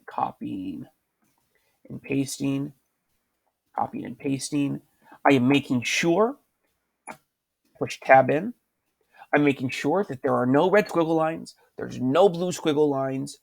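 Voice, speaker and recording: Seated at his computer, a man with a fairly high, creaky voice records a screen-captured writing lesson. He's patient with his students, repeating his questions to draw them out.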